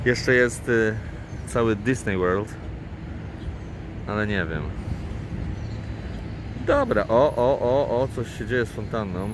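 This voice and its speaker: A man narrates his travel vlog from a city park beside a lake, speaking slowly in a lowish voice. His delivery is flat and unenthusiastic, with a dry sense of humor. The camera's own mic records him outdoors, with clear traffic and boat noise underneath. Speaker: travel vlogger and guide. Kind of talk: casual vlog commentary while filming. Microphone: handheld camera mic, speaker off screen.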